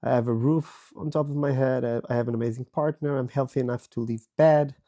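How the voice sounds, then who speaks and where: A podcast host lying in bed talks through a personal reflection, his voice rough from a viral illness yet low, warm, and steady. The Israeli-born man, in his 30s, is slow, thoughtful, and frank, leaving many pauses.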